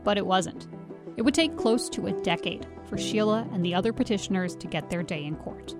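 A woman reporter giving scripted narration in a clear, even storytelling delivery. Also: medium pitch, a little fast, music in the background. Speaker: radio reporter.

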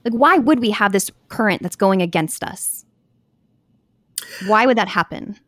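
A woman's voice: a little slow, no echo. A woman co-hosting a casual podcast chat, acting out quoted thoughts in a raised voice. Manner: animated, acts out quotes in a high voice. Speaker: podcast co-host.

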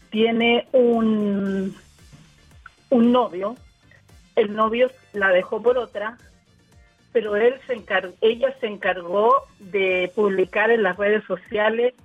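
A woman's voice: medium pitch, phone-quality sound. A woman from Chile with a Chilean accent, calling in to a radio show, chatty and laughing often. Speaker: caller. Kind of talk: phone-in chat.

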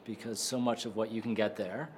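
A man hosting an interview, asking curious, measured questions. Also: lowish voice, fairly even intonation, slight background noise. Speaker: interview host.

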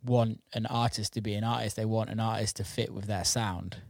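Speaking fairly quickly in a lowish, gravelly voice with fairly even intonation, this man hosts a podcast and talks loosely about his line of work. He's a music producer with his own record label, rambling informally about the music scene with occasional swearing, captured in a dry, clean studio recording.

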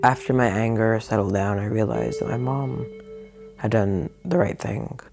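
A man's voice: normal speed, gravelly, over loud music. A man giving a frank, reflective personal account in an interview. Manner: reflective, frank, low-key. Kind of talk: candid personal testimony.

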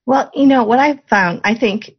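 A woman's voice: on the high side, moderate pace, slightly rough. A woman hosting a podcast who speaks casually and encourages her guest with frequent affirmations. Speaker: podcast host. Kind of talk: casual interview conversation. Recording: dry, dull lo-fi audio.

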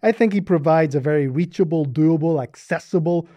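A man with a Northern Irish accent, a podcast guest who explains his ideas in a thoughtful, measured way. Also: a little high, dark tone, no echo. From Northern Ireland. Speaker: podcast guest, seminary department chair. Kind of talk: casual conversation.

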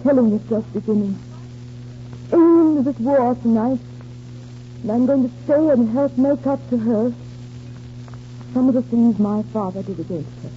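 A woman's voice: fairly high pitch, normal speed, pauses often, a little hiss or hum, natural voice. An actress playing a grave, self-sacrificing young woman in love in a 1940s radio drama. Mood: tender farewell. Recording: dull vintage radio, loud music behind.

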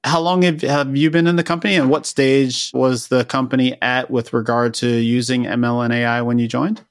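Podcast host with a dry close sound. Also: male voice, medium pitch, normal speed, dry recording. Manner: relaxed, conversational questioning. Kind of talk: interview podcast.

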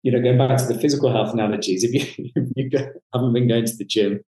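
Warm-voiced male psychologist in a roomy space. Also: medium pitch, steady tone, quick pace. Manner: reflective, with frequent "you know" asides. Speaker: clinical psychologist. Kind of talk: conversational interview explanation. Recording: roomy echo.

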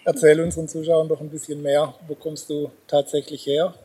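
A woman's voice: low voice, flat delivery, brisk, mellow, husky. A woman hosting a casual interview in an informal, attentive way. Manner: informal, attentive, brief acknowledgements. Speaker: interviewer, host.

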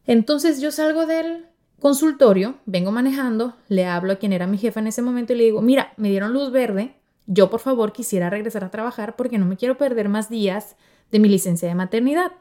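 Speaking briskly in a fairly high voice, a woman in her thirties recounts a personal story on her podcast. Her style is casual and lively, and she performs the voices of whoever she's quoting.

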